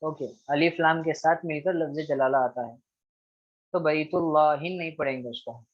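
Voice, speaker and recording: A man's voice: fairly high pitch, normal speed, muffled recording. A man teaching an Arabic grammar lesson, patiently repeating each rule and checking in with his students often. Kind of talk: recorded online grammar lesson.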